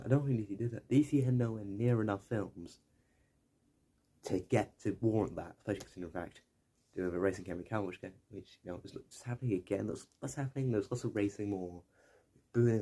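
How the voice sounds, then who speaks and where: With a lowish, mellow voice, this young man delivers offhand video essay commentary that wanders off on tangents. He keeps correcting himself and lets slip the occasional mild curse, all over faint background noise.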